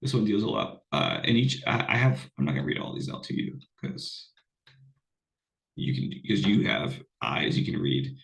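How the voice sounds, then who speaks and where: A man's voice: low-pitched, huge pitch swings, normal speed, creaky. A man, a college English instructor, giving a casual recorded online lecture while unwell, rambling with fillers and restarts. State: unwell, voice sounds off.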